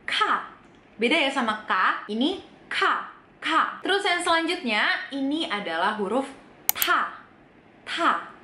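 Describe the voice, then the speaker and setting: A young woman, a Korean language teacher, giving a casual, chatty pronunciation lesson and repeating sounds slowly for practice. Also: a little high, sharp tone, reverberant, a little hiss or hum.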